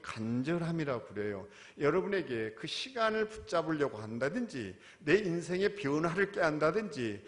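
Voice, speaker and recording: A male pastor preaching a sermon, swinging from quiet, questioning asides to loud, impassioned cries. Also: a little high. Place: church sanctuary. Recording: long reverb of a church hall.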